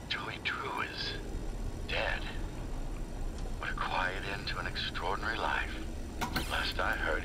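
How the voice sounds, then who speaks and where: An actor playing a wistful man mourning an old friend in a measured, nostalgic video game monologue. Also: deep voice. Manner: measured, nostalgic, sighing delivery. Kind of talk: video game voice acting, reflective audio-log monologue. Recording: loud music behind the voice.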